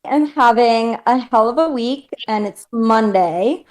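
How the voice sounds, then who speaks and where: A woman's voice: on the high side, measured pace, darkish tone. A woman co-hosting a casual podcast, speaking in a wry, candid way. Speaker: podcast co-host.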